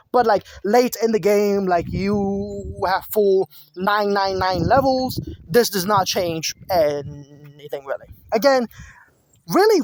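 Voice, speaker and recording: A woman's voice: medium pitch, no room sound. A woman talking outdoors in a casual chat about game balance, chatty and often stumbling and restarting her words. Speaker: gamer giving balance ideas.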